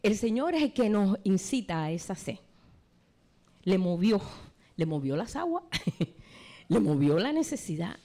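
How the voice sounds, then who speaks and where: A woman's voice: medium pitch, sing-song, measured pace, pauses often, mellow. A woman preacher giving a sermon, retelling a scripture story and addressing the congregation directly.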